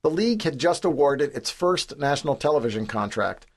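A man's voice: fairly high pitch, lively intonation, brisk. A man in his forties from the New York City area, reading his own memoir aloud in a wry, understated, self-deprecating way. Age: 40s. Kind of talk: scripted audiobook narration.

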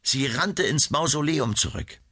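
A man narrating an audiobook of classic tales in a measured, deliberate reading. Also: medium pitch, expressive, sharp tone, husky. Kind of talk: scripted narration.

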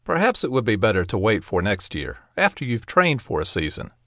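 A man voicing a serious, cautious older brother who speaks in a low, measured way. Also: very animated, fairly bright tone, no echo, clean studio sound, full character voice. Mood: earnest.

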